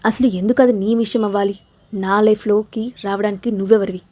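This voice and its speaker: A defiant young woman who turns playful and teasing, as the woman reading the storybook voices her. The voice is mellow and warm, at an ordinary pitch. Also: fairly even intonation, a little fast, close to an everyday voice.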